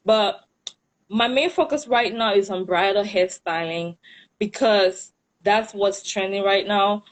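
A woman's voice: medium pitch, takes it slowly. Cameroonian-accented woman in a casual interview. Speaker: interview guest, hairstylist and entrepreneur.

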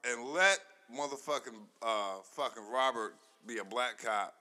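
A man co-hosting a casual podcast chat, laid-back, slangy and quick to agree. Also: mid-range voice, bright, forceful tone.

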